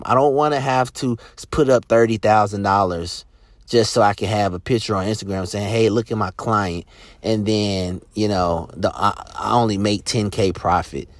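A man's voice: lowish voice, dry recording. A man hosting a podcast about sports agents, ranting passionately with emphatic repetition and frequent restarts. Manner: passionate, emphatic, repeats words and restarts often. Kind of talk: podcast rant.

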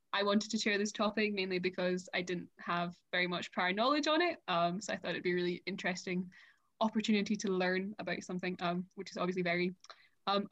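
A woman's voice: fairly low pitch, muffled recording. A young woman of eighteen from Scotland, a committee chair explaining her topic articulately with frequent ums. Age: teens. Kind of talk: casual interview answers.

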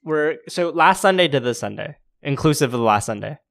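A man's voice: on the high side, lively intonation, brisk, vocal fry, fairly bright tone. A man co-hosting a casual podcast chat, tossing out dry, sarcastic quips. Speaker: podcast co-host.

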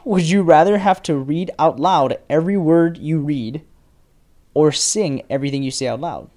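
Young male co-host, higher-pitched, playful teasing, runs the questions. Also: mellow. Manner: teasing, quick to laugh, asks the questions. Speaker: podcast co-host. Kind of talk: casual chat.

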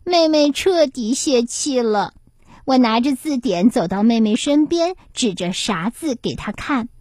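Animated woman reading children's stories. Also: on the high side, measured pace, no echo, clean studio sound. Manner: animated, expressive storytelling. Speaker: children's essay reader and host.

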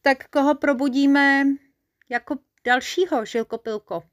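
A woman doing an excitable little male forest creature from a bedtime storybook, squeaky and bouncy. His voice sits high above an ordinary reading voice and jumps up loudly when he blurts out his ideas. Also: dry recording, natural voice. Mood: eager. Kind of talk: storybook character voice.

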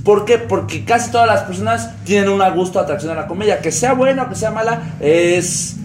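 A man's voice: sits high, fairly quick, music in the background. A Mexican man co-hosting a casual podcast, making long lecturing arguments full of rhetorical asides. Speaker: podcast co-host. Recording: echoey room with faint noise.

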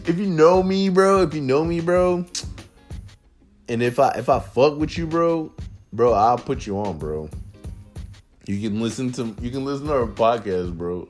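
A man's voice: medium pitch, a little mellow. A young man, hosting a podcast and telling a funny college story in a rambling, slangy way, repeating himself often. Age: young adult. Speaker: podcast host. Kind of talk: casual storytelling monologue.

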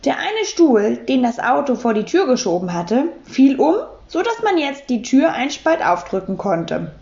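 A woman reading a children's book aloud in a lively, expressive way. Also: high voice, normal speed, vocal fry. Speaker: storyteller. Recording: dull echoey room.

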